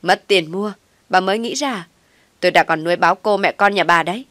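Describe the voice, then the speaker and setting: A woman voicing a brash, mocking young wife who shouts at her mother-in-law. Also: mid-range voice, expressive, normal speed, no room sound, lightly acted. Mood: shouting scornfully. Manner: shouting, scornful.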